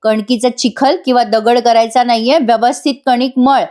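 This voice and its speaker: A woman's voice: on the high side, steady tone, moderate pace, mellow, close to an everyday voice. A woman reading the part of a strict old matriarch who scolds and gives orders. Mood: stern. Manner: commanding, scolding. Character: stern bossy old grandmother, matriarch.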